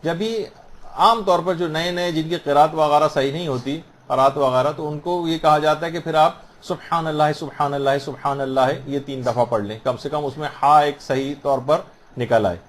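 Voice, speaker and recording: A man teaching the rules of prayer in a patient, explanatory way, repeating phrases and slowing down to model the correct pronunciation. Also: fairly high pitch, a little hiss or hum. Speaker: religious teacher. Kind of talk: instructional talk on prayer rules.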